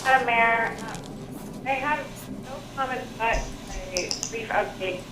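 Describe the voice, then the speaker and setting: A woman's voice: on the high side, slow pace. A woman serving as city attorney, calling in on a crackly phone line that fades in and out and giving a brief, matter-of-fact update. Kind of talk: remote update at a council meeting. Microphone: phone call. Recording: echoey, noisy phone call.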